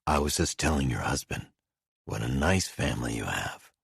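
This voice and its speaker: A man voicing a gruff, reclusive male falconer who speaks bluntly and low in an audiobook. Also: lively intonation, normal speed, a bit bright, dry recording, clean studio sound, heavily acted. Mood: admiring.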